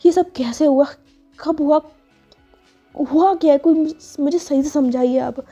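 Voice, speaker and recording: A woman's voice: high-pitched, mellow, faint music behind, voice pushed up. Woman voicing a frantic young woman friend. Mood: anxious. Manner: rushed, stammering repeats. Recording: dull lo-fi recording.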